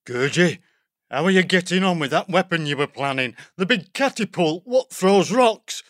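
A man voicing a big, worried male hedgehog guard who talks in a rough country way. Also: high voice, expressive, moderate pace, fairly bright tone, dry recording, studio quality, pitched above the performer's own voice.

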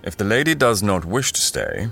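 Grave dream lord, deep voice, cold, formal, imperious, audio drama, music behind. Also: male voice, huge pitch swings, creaky, sharp tone, husky, full character voice. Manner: slow-weighed, formal, cold and solemn.

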